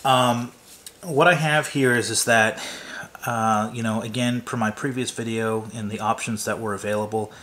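A man's voice: lowish voice, fairly even intonation, moderate pace, pushed and bright. A man walking through his scale model build at the workbench, loose and rambling, with lots of fillers and restarts. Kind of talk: hands-on build walkthrough. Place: workbench, off camera.

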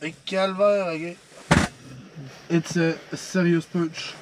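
A man's voice: high voice, level tone. A young man with a Quebec French accent, chatting casually while fishing, swearing freely. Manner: slow and drawling, swears freely. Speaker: fishing partner. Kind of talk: casual chat. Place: outdoors on a frozen lake, later inside an ice fishing tent. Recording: noisy outdoor camera audio.

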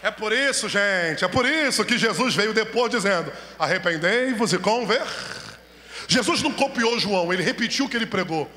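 High, bright-voiced preacher in an echoing church. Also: male voice, moderate pace. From Brazil. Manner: animated, rhetorical questions, calls for amens. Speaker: pastor preaching. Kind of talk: sermon. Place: church sanctuary, at the altar. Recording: echoey church hall reverb.

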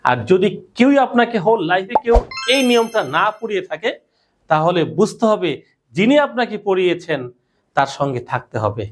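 A woman teacher giving a classroom pronunciation lesson, quizzing her students with repeated questions. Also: lowish voice. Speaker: English teacher.

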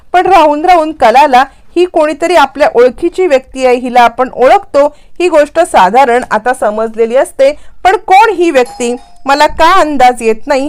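A woman's voice: high-pitched, a little mellow, smooth. A woman narrating a TV serial recap in a running, story-like commentary.

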